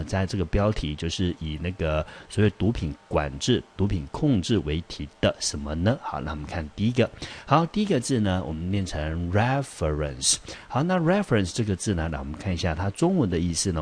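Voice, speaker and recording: A man's voice: deep voice, darkish tone, a little hiss or hum. A man with a Taiwanese Mandarin accent teaching English exam vocabulary in a patient, repetitive way, with many fillers.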